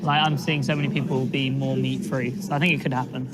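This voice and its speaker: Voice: mid-range voice, flat delivery, fast talker, very noisy. A delegate making a reasoned argument in a group discussion, with many filler words. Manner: reasoned, uses "like" and "I mean". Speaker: assembly delegate. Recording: loud crowd chatter.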